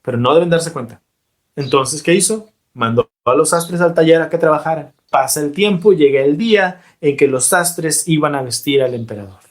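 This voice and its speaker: Animated man telling a parable. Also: on the high side. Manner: animated, slows down for emphasis. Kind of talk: sermon-style storytelling.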